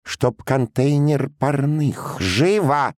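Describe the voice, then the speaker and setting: A man voicing a heavyset army sub-lieutenant with a high, almost womanly voice, barking curt orders. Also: expressive, extremely slow, a little mellow, no echo, clean studio sound. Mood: commanding.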